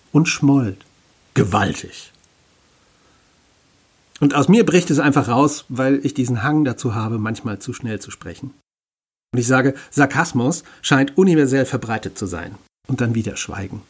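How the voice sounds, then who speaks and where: A man narrating a first-person story with wry, self-ironic humor and a husky voice. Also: mid-range voice.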